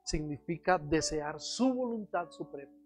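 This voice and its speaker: Pastor, earnest sermon delivery with questions to the congregation, mid-pitched voice over faint background music. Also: expressive, measured pace, a little mellow. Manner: earnest, questioning the congregation, acting out quoted prayers.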